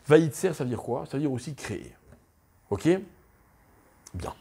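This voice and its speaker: A middle-aged man teaching a Torah class, animated, questioning his listeners and mixing Hebrew terms into his talk. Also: mid-range voice, unhurried, creaky, husky. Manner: animated, asks the audience questions, spells out Hebrew letters; mixes Hebrew terms into French. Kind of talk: lively Torah lesson to a live audience.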